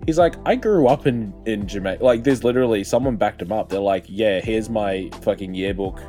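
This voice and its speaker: A young man co-hosts a casual podcast chat, his low, mellow voice set against faint background music. He swears a lot, gets emphatic, and is quick to launch into rants.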